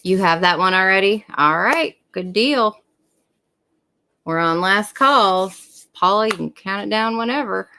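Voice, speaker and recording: A woman's voice: mid-range voice, expressive, unhurried, pushed and bright, slight background noise. A woman hosting a live online coin sale, calling bids and thanking buyers by name from home. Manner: friendly, calls out bidders by name. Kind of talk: live auction selling.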